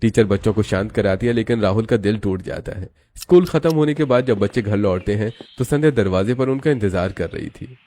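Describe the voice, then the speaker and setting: A man narrating a cartoon story in a steady, even storytelling voice. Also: fairly low pitch, a little fast, hardly any pauses.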